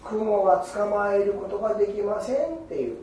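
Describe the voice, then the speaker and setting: An older man with a giving a Buddhist sermon in an animated storytelling manner, acting out quoted exchanges. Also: high voice, brisk, slight background noise. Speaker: Buddhist preacher. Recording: echoey hall from far off.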